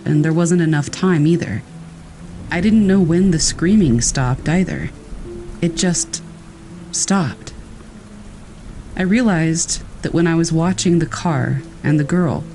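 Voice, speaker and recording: A man reading true scary stories aloud in a calm, measured storytelling manner. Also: a little high, rough recording. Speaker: horror story narrator.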